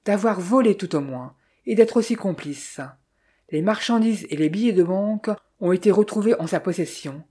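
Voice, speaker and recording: A woman's voice: mid-range voice, normal speed, dark tone, slightly rough, close to an everyday voice. A woman reading as a worried young clerk. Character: young male clerk, worried amateur detective. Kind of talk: audiobook dialogue reading.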